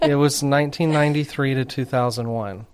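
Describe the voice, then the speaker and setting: A man's voice: medium pitch, steady tone, brisk, clear, resonant tone. A middle-aged man hosting a radio talk show, chatting easily, reminiscing and prompting his guest. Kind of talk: relaxed radio interview chat.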